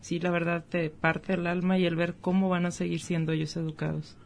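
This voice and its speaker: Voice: mid-range voice, little pitch movement, brisk, gravelly. A co-host, chatting casually on a talk show and sharing personal stories about being a parent. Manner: shares personal anecdotes as a parent.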